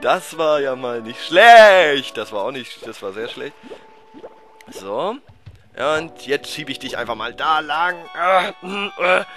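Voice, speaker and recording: Male let's-play gamer, excitable and loud, swinging pitch, game music in the background. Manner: excitable, shouts and groans at the game. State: voice cracking. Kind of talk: casual gameplay commentary.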